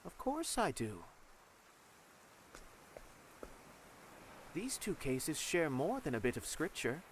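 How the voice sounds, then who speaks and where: An actor playing a sly, composed cleric investigator in a video game, with a measured, wry, theatrical delivery. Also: male voice, a little high, wildly swooping pitch, a little hiss or hum. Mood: smug, teasing. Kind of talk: scripted video game voice acting.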